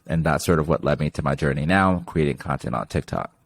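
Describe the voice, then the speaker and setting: A young man from Zimbabwe chats easily as a podcast guest, his voice sitting very low. The sound is dry and close, and he keeps dropping in loose filler words. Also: fast, gravelly, dry recording. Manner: relaxed, chatty, lots of "like" fillers. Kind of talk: casual interview chat.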